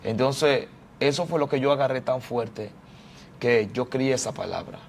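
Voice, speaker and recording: A man's voice: medium pitch, a little slow, creaky, slight background noise. A man from the Dominican Republic telling his life story as a prophet and pastor in a church interview, fervent and repeating phrases like a preacher.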